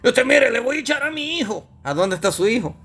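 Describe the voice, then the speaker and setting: A man voicing a touchy, loudmouthed male gorilla comedian who picks fights. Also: very high voice, big pitch swings, husky, voice pushed up, heavily acted. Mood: complaining. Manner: quick-tempered, threatening, indignant.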